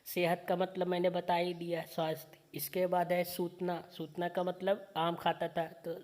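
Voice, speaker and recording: A woman's voice: on the low side, little pitch movement, a little mellow. Woman teacher, patient question-and-answer. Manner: reads verses slowly and sing-song, then explains with repeated questions. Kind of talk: online class lesson explaining a poem.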